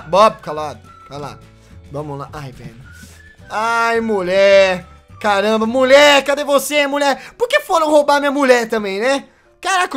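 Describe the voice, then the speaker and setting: A young man with a Brazilian Portuguese accent giving excitable, casual gameplay commentary, yelping and joking as he talks to the characters on screen. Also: high voice. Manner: excitable, yelps and laughs, talks to game characters. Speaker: gaming YouTuber.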